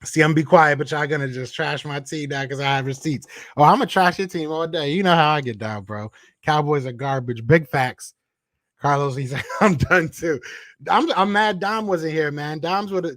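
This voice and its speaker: Animated trash-talking podcast host, man. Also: a little high, moderate pace, no room sound. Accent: Philadelphia. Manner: animated, trash-talking, reads chat comments aloud. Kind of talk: casual live-stream chat.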